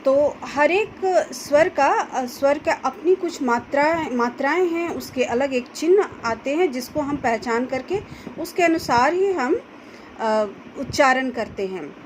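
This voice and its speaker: A woman teacher explaining a grammar lesson to students slowly, carefully pronouncing each example sound. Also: sits high, lively intonation, a little hiss or hum, rough recording. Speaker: school Hindi teacher.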